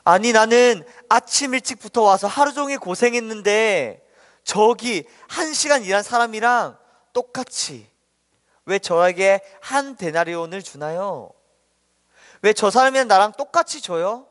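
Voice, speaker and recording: An indignant vineyard laborer complains loudly that he worked from dawn and was paid no more than the latecomer, as a man preaching a children's sermon puts him on. His protest rides a little higher than an everyday man's voice and hangs in a long hall echo. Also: expressive, measured pace. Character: indignant male vineyard laborer who worked all day.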